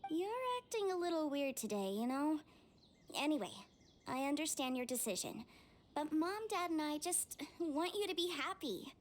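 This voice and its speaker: High-voiced, caring young sister. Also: female voice, lively intonation, normal speed, a little hiss or hum. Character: caring, outspoken young sister, casual and protective. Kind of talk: scripted game voice acting.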